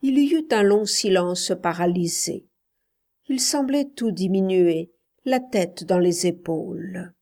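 A woman narrating a literary novel aloud in a measured, even storytelling voice. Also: on the low side. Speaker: audiobook narrator.

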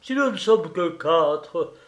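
Think of a man voicing a sour, sharp-edged provincial spinster in an audiobook. She answers short and dry. The pitch sits a little above the reader's usual. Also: lively intonation, slow, echoey room. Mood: curt.

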